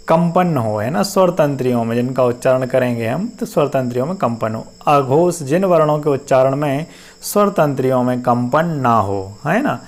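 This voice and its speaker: A man teaching a class, who explains step by step, repeats each term, sounds out syllables slowly and often asks whether it is clear. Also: mid-range voice, a little mellow. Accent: Hindi-speaking North Indian. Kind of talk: classroom-style lecture.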